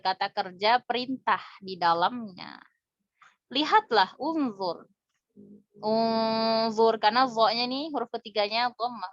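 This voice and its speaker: A woman teaches Arabic reading with patience, walking through each point and slipping in quick asides. Her voice sits fairly high. She is recorded dry and close on a phone, and the sound is dull and lo-fi. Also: a bit bright, no echo. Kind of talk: casual explanatory lesson.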